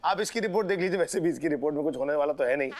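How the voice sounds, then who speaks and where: An actor playing a sarcastic, excitable police officer in a comic TV sitcom. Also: male voice, on the high side, rapid-fire, background noise, natural voice. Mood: pushy. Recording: music behind the dialogue.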